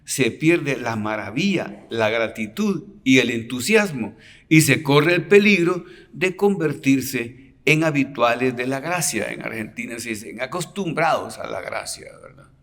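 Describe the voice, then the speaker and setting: A man's voice: medium pitch, animated, a little slow, fairly bright tone. A man who is a priest, giving a retreat sermon as a storyteller. He often adds a questioning "¿verdad?" and drops to a near whisper at touching moments. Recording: long reverb of a large hall.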